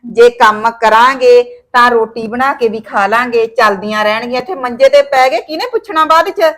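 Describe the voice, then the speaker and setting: A woman's voice: on the high side, moderate pace, fairly bright tone, natural voice. A woman playing a homely, advising village mother. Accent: Punjabi. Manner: homely, advising, full of sayings. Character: caring older mother visiting her married daughter. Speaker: actor. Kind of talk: village short-film acting.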